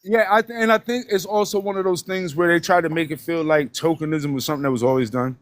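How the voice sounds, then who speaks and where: A guest from Detroit talks bluntly and emphatically on a casual live stream, swearing and ending points with "right?". His voice sits on the high side with a steady tone, he talks fast, and the sound is clean studio audio with no room echo.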